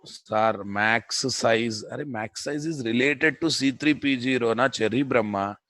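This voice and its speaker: Here a man teaches programming live, speaking with a Telugu Indian accent as he repeats himself and makes sure the class follows along. The voice is mid-range and fairly bright, a little slow, recorded without echo.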